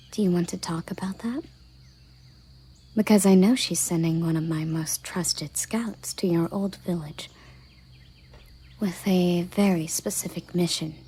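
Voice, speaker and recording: In a scripted roleplay audio drama, a woman plays a proud, commanding elven guard captain, speaking softly and often in a half-whisper with formal, deliberate phrasing. Her voice is lowish and husky, and the performance is exaggerated.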